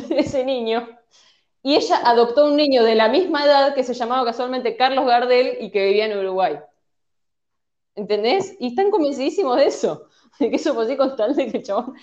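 A woman with an Argentine Spanish accent, telling stories in a casual chat and putting on mock voices. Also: normal speed. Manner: animated storytelling with squeaky mock voices. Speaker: podcast co-host. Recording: dull lo-fi audio.

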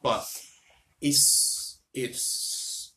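A man's voice: very slow, bright, forceful tone, slight background noise. A man hosting a casual podcast chat, rambling with many restarts and blunt, sweary remarks. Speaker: podcast host.

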